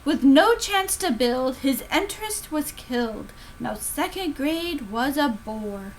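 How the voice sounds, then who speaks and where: Very animated, high-voiced woman reading to children. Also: slow, slight background noise, poor audio. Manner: expressive, sing-song storytelling delivery. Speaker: children's librarian reading aloud. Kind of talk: animated picture-book read-aloud of rhyming story.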